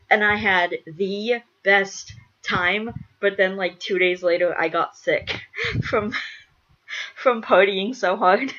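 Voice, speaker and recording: A young woman vlogger, congested and stuffed-up from a cold, chats casually to her viewers, rambling and emphatically restating the same phrases again and again. Her mid-range voice is fairly bright, though the recording sounds muffled.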